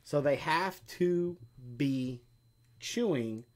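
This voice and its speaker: Speaking extremely slowly in a fairly high, expressive voice, this middle-aged man is co-hosting a homestead live stream. His casual chat and answers to questions wander and explain at length, thick with filler words.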